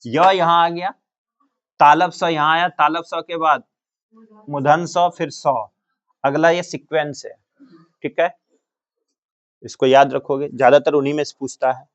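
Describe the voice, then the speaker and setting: A man's voice on the high side, slightly bright, with fairly even intonation, speaks a little slowly with long pauses over dull audio. He's a grammar teacher from Bihar, India drilling his coaching class with one repeated question and answering it himself.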